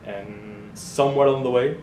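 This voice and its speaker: A man from Portugal, a software developer chatting casually in an interview. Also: medium pitch, big pitch swings, moderate pace, creaky. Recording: echoey room with faint hum.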